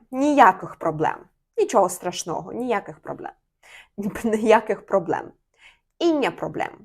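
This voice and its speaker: A young woman, a Swedish teacher, runs a friendly online lesson at a medium pitch. She speaks clearly and repeats each phrase slowly so that learners can follow. Her delivery is steady and instructive.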